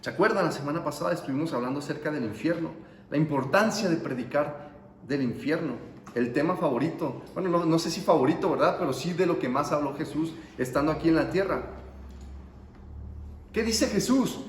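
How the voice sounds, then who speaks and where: A male pastor preaching a sermon, emphatic and repetitive, with slow stresses and quick asides. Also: a little high. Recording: echoey hall, faint noise.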